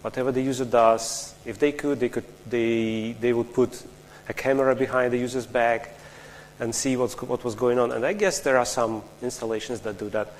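Speaking at normal speed in a steady, medium-pitched voice, a Russian man delivers a technical talk in a large lecture hall. He walks through the material step by step, restarts often, and asks the audience questions.

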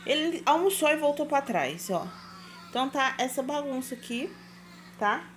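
A woman's voice: sits high, big pitch swings, normal speed, a bit bright, a little hiss or hum. A young Brazilian woman, a mother, chatting to her viewers in a casual home vlog. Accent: Brazilian Portuguese. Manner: chatty, keeps addressing viewers. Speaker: vlogger and mother.

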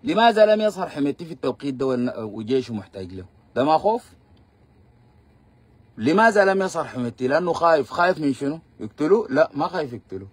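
A man's voice: on the high side, very animated, fast talker, slightly rough, dry recording. A man with a Sudanese Arabic accent giving combative, fiery political commentary on a live stream.

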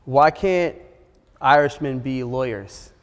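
A man's voice: mid-range voice, takes it slowly, big-room sound. A man co-hosting a casual interview, asking light, joking questions into a lapel mic. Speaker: co-host.

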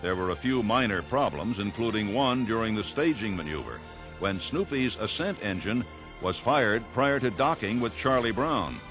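Low-voiced documentary narrator over music. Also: male voice, animated, normal speed.

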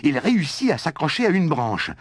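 A man's voice: a little high, sing-song, brisk, breathy edge, no room sound. A man narrating a children's story in a scripted read-aloud style.

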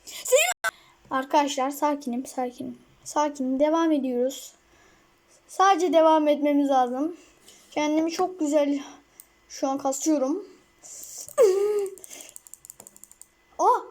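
A woman giving casual gameplay commentary, excitable and rambling, with frequent outbursts. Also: sits high, moderate pace, long pauses. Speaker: mobile gamer.

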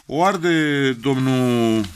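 A man's voice: medium pitch, slight background noise. A Romanian man in his fifties, a guest singer chatting casually in an earthy, colloquial way with slangy interjections. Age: 50s. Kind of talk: casual chat.

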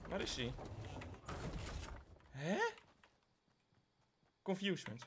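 A man from the Netherlands giving live gameplay commentary. He is excitable, swears a lot and mixes English slang into his talk, and his voice jumps to high shrieks when he panics. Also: extremely slow, noisy background. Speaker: gaming YouTuber.

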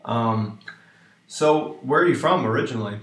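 A man's voice: medium pitch, normal speed. A male podcast host chatting easily with his guest, his voice in a middle range. He sits back from the mic, so the sound is distant and roomy. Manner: relaxed and chatty, many likes. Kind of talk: casual interview chat.

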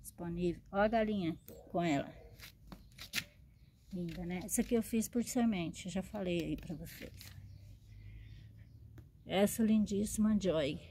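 A woman talks slowly and fondly as she shows off her plants, often checking in with her viewers. Her voice is mellow and unhurried, like a casual show-and-tell vlog. A faint hum of ambience sits behind her. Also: fairly low pitch. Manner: chatty, fond, checks in with "tá?" and "né?". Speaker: succulent grower and seller.

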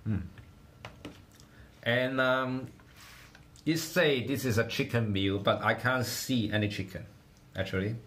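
Slow, halting man. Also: fairly low pitch, a bit bright. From Hong Kong. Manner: halting, repeats words while tasting. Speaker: livestreamer. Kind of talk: casual livestream food tasting.

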